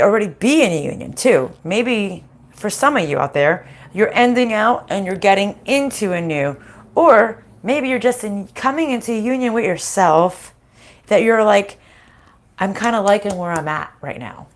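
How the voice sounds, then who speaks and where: Groggy-voiced woman improvising a card reading. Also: medium pitch. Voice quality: groggy, slightly hoarse. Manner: halting, thinking aloud, conversational. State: groggy, recovering from voice loss and sinus infection. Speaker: spiritual card reader hosting a live reading.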